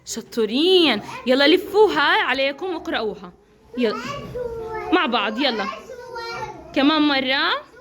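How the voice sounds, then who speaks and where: A young woman with a Levantine accent teaching small children in a classroom, cheering them on and slowly sounding out syllables. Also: sits high, very animated, background noise. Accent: Levantine Arabic. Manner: encouraging, praises often, drawn-out sounding of syllables. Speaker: kindergarten teacher. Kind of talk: classroom phonics drill.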